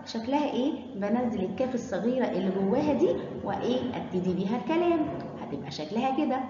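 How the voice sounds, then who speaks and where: A woman with an Egyptian accent teaching young children their letters, slowly drawing out each syllable in a sing-song voice. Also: on the high side, lively intonation, background noise. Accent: Egyptian Arabic. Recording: echoey hall, dull lo-fi sound.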